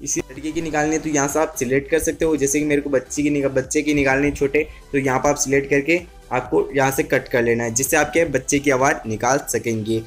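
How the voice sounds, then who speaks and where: A man's voice: mid-range voice, little pitch movement, quick pace, few pauses, soft background music. A man with an Indian accent giving a casual step-by-step phone tutorial, instructing viewers directly and often repeating himself. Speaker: tech tutorial host.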